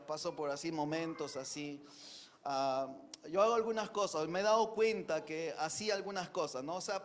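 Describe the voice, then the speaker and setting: A man from Peru preaching a sermon, earnest, moving between emphatic declarations and quiet reflective asides, with many rhetorical questions to his listeners. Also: on the high side.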